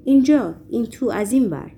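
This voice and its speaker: Woman voicing a hysterical, hand-wringing wife; cries out, pitched above her own voice. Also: lively intonation, dark tone, slight background noise. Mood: frantic. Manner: hurried, pleading cries.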